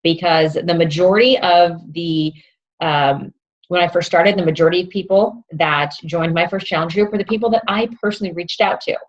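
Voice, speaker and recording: A woman's voice: on the low side, moderate pace, lo-fi sound. A woman fitness coach giving upbeat, encouraging advice to new coaches, often checking in with her listeners. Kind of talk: instructional talk to new coaches.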